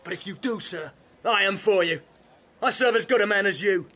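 A man's voice: high-pitched, normal speed, sharp tone. An actor playing a swaggering, bawdy young male servant spoiling for a fight, in Shakespearean stage acting. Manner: boastful, bawdy.

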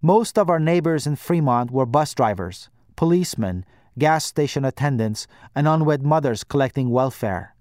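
A man narrating a first-person audiobook in a measured, wry storytelling manner. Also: medium pitch, animated, a little mellow, no echo, clean studio sound.

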